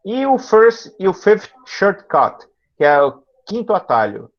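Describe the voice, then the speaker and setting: A tired male teacher explaining vocabulary to a class over a video call, patient and slow, often checking that students follow. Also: high voice, sing-song, lo-fi sound. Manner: patient, repeats words slowly and checks understanding often. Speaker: English teacher.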